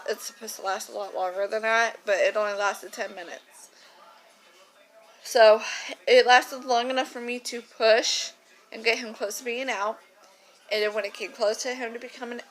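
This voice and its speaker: A young woman talks straight into her phone camera, chatty and rambling, with a bright, forceful edge to her voice. Her pitch sits a little high, and she tells her story frankly and casually, swearing now and then. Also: poor audio. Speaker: vlogger telling her birth story.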